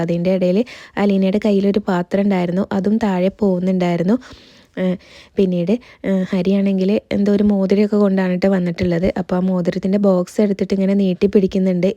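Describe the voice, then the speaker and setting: A woman casually retelling the plot of a serial episode as a reviewer, in a chatty, steady way, reading every character's lines in her own voice. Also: medium pitch, no echo, dull audio.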